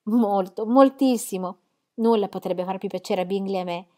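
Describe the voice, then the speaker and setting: A woman voicing a gentle, kind young woman, an affectionate elder sister, with warm, eager exclamations. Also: medium pitch, moderate pace, natural voice. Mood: earnest. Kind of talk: audiobook character reading.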